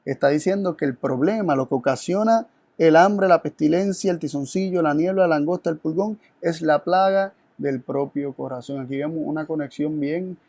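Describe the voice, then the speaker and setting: A man's voice: fairly high pitch, moderate pace, darkish tone, no room sound. A man presenting a Bible study, teaching in an earnest, reflective way and asking rhetorical questions. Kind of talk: teaching sermon.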